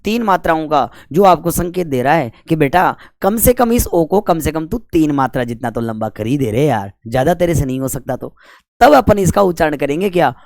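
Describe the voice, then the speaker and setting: A man's voice: fairly high pitch, lively intonation, normal speed, a little mellow, no echo, studio quality. A man teaching grammar for exam prep. He asks questions, answers them himself and stretches out the vowel sounds. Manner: chatty, with jokes between the rules.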